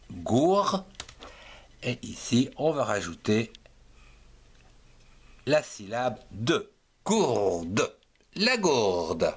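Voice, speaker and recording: Man, French accent, very slow deliberate pace, animated pitch, spelling out letters and syllables in a lesson. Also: breathy edge. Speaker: handwriting teacher.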